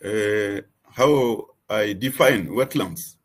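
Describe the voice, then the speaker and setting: Man, panel speaker, slow delivery, husky, halting, searching for words. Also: fairly low pitch. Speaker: panel speaker for a wetlands organization. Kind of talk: answering a question in a webinar.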